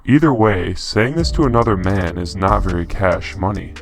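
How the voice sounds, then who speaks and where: Guy w/ a low voice doing a mock-serious top ten countdown, music behind him. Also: expressive, moderate pace. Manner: mock-serious, crude humor. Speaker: video narrator. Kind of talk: scripted narration. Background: background music.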